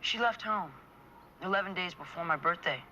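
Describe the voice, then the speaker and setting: A glum, wry boy in a seventies TV drama. The voice is bright and plain-spoken, with faint noise behind it. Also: sits high, normal speed. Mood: sad, wistful. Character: downcast, wry boy who misses his mother. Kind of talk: 1970s TV drama acting.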